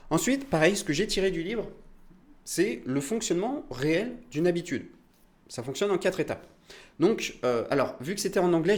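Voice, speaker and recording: A young French man hosting a solo podcast, explaining in a chatty, casual way with frequent fillers and restarts. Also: a little high. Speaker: podcast host, calisthenics coach.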